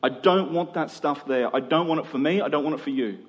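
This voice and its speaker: This Australian man, a Queensland preacher, speaks at a brisk pace with a fairly high pitch, addressing a congregation in a big room. His sermon is earnest and conversational, with repeated phrases for emphasis. The lo-fi sound carries the long reverb of an echoey hall.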